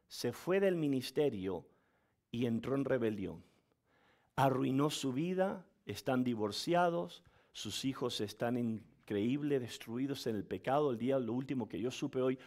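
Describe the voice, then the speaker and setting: A man preaching as pastor, telling a story with acted-out voices and laughter, in an animated storytelling manner. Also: mid-range voice. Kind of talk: sermon.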